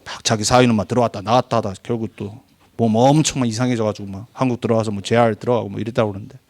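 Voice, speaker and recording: A man preaching a Sunday sermon as pastor, speaking earnestly and exhorting his congregation, his pitch jumping up on stressed points and closing in prayer. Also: fairly even intonation, very fast, darkish tone.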